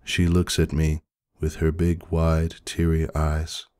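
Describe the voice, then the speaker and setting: Very deep, flat-voiced male narrator. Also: slow pace, no echo, clean studio sound. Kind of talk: dramatic reading of fan fiction.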